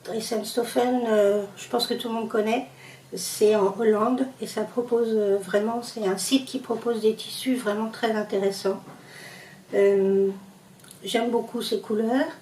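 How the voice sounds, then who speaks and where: A woman's voice: on the high side, darkish tone, echoey room, distant mic, slight background noise, low-quality recording. A woman with a Parisian accent chatting through her sewing projects, hesitant with lots of fillers. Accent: Parisian French. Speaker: sewing vlogger. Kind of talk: casual show-and-tell vlog.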